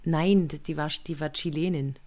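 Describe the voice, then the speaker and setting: A woman's voice: low voice, normal speed, crowd noise. A woman, co-hosting a casual chat podcast and telling stories animatedly, acting out what people said. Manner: animated storyteller, acts out quotes. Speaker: podcast co-host.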